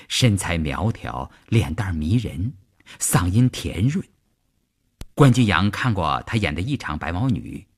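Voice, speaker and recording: A man reading a long story aloud as narrator, with an expressive, dramatic delivery. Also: lowish voice.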